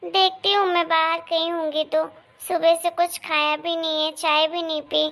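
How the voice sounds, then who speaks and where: A woman's voice: very high voice, flat delivery, normal speed, a bit bright. A woman voicing a young, dutiful daughter-in-law in a cartoon story, speaking politely and with worry. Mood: worried. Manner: polite and worried.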